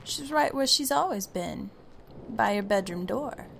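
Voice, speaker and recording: A woman voicing a pompous, rude male creature on the ceiling, talking in a loud, haughty, scolding way. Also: medium pitch, lively intonation, unhurried, gravelly, a little hiss or hum, pitched above the performer's own voice. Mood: smug.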